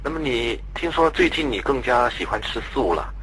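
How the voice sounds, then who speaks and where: In a conversational radio interview, a man asks questions with polite, deferential phrasing. His medium-pitched voice is animated and fairly bright, at a normal speed. The recording carries faint background noise.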